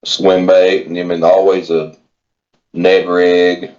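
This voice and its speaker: An American tournament kayak angler chats casually as a podcast guest over a remote call, laid-back and plain-spoken. His deep voice is flat, slow and a little mellow, and the sound is lo-fi.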